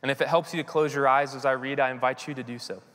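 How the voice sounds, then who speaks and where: Man, pastor preaching, earnest, slow scripture reading, soft falling endings, church hall reverb. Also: mid-range voice, fairly even intonation. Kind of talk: sermon.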